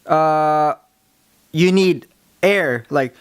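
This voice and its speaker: Guy doing a casual how-to, smooth clean voice, really dry sound, kinda stumbles and rambles along. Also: fairly high pitch, dry recording. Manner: halting, rambling explanations. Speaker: tutorial presenter. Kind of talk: casual instructional talk.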